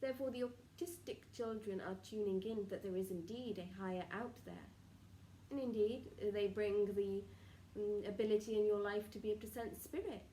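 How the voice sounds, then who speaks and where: A solemn, benevolent collective of spirit guides speaks through a woman acting as trance medium in a soft, mellow voice. The seance-style counsel comes in formal, halting phrases with murmured pauses. It is picked up from a distance in an echoey room, with faint noise. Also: medium pitch, fairly even intonation, natural voice. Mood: gentle, instructive.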